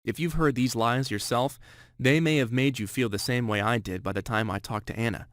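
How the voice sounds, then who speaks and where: A man's voice: mid-range voice, steady tone, fairly quick, dry recording, studio quality. A man in his thirties telling a scripted first-person story with earnest, dramatic emphasis. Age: 30s. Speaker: sales narrator.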